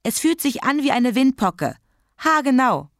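Reader voicing a high-pitched, bouncy little girl, whiny and dramatic, dry close sound. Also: animated, normal speed, dry recording, natural voice. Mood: whining. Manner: eager, pleading, dramatic.

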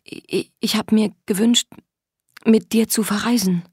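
A woman voicing a frightened young woman in an audiobook, stammering and speaking in a hushed, whispering voice. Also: medium pitch, steady tone, moderate pace, slightly rough, dry recording, clean studio sound. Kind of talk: audiobook dialogue.

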